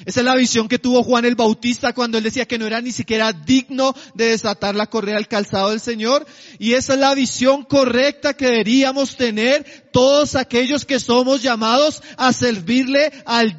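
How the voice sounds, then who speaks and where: High-voiced preacher in a reverberant hall. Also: male voice, steady tone, muffled recording. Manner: slows to a drawn-out, emphatic cadence on key phrases; addresses the congregation with rhetorical questions. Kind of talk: sermon.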